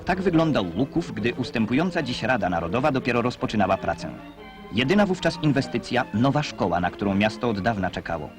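A man giving formal, measured scripted narration as an old newsreel voice-over, recorded on a 1960s newsreel soundtrack. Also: medium pitch, very animated. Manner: formal, measured announcer delivery. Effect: old newsreel voice-over over music.

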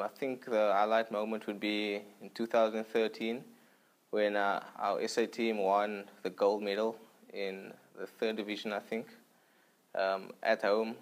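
A South African man in his twenties, an ice hockey player answering in a mild, measured way. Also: lowish voice. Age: 20s. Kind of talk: interview answers.

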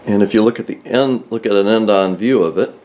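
An older man hosting a car restoration video demonstrates a tool in plain, methodical speech, often restarting sentences midway. His lowish, slightly mellow voice moves fairly quickly, and he's recording inside a car sitting in a garage.

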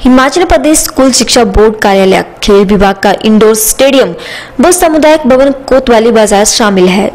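A woman reading a scripted news report as a voice-over, steady and even. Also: fairly high pitch, low-quality recording.

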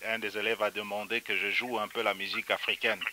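A Congolese man hosting a radio interview, talking haltingly with many filler sounds and restarts. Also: fairly low pitch, flat delivery, bright, forceful tone, a little hiss or hum. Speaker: radio host and teacher.

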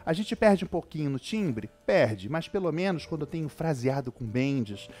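A man's voice: fairly high pitch, animated, normal speed, a little mellow. A man with a Brazilian Portuguese accent giving a casual guitar lesson, checking in with his viewers after nearly every point. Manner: chatty, explains with frequent "tá?" and "né?" checks. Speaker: guitar teacher.

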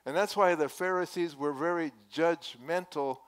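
A man's voice: a little high, moderate pace. An older man preaching a sermon in a church sanctuary, speaking earnestly and conversationally with emphatic rises, through a headset mic. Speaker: pastor. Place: church sanctuary at a wooden pulpit.

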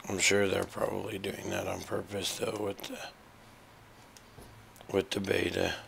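A man's voice: sits low, level tone, measured pace, a bit bright, slight background noise. A man casually commenting on his own gameplay, talking to himself with exasperated reactions. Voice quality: gravelly. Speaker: gamer streaming gameplay.

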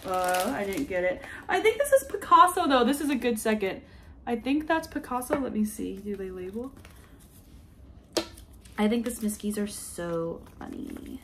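A woman's voice: on the high side, big pitch swings, normal speed, fairly bright tone, slight background noise. A young woman chatting casually as a travel vlogger, giggly and full of fillers, unboxing toys in a hotel room. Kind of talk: casual chat.

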